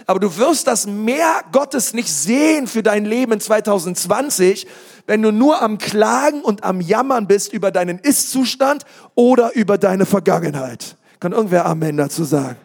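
A male pastor preaching an emphatic sermon, speaking straight to the congregation and rising to shouts. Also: high-pitched, lively intonation, moderate pace, vocal fry.

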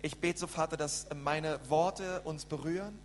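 A man hosting and interpreting a church sermon live, animated, with frequent fillers and restarts. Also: fairly high pitch, unhurried. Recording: echoey church hall with hum.

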